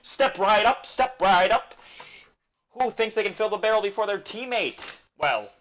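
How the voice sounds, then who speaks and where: A man playing a carnival barker, booming, hawking a game. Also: lively intonation, unhurried, fairly bright tone. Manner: booming sales pitch. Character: loud male carnival barker calling in players.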